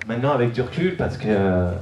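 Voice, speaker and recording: A man from France with a medium-pitched, slightly mellow voice gives a personal testimony at a church youth event, speaking animatedly and quickly but hesitantly, full of fillers and restarts. The room he's in is echoey.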